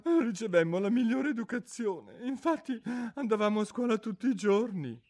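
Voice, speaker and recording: A high, wavering, sighing Mock Turtle. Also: male voice, lively intonation, normal speed, a little mellow. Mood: plaintive. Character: mournful old Mock Turtle, sighing and slow. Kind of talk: audiobook character voice.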